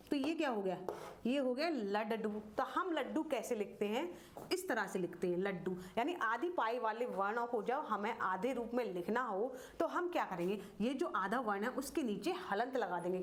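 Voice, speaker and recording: A woman teaching Hindi writing, slowly repeating each word and quizzing the viewer with questions. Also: a little high. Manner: slow, repeats words and asks questions to the viewer. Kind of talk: classroom-style grammar lesson.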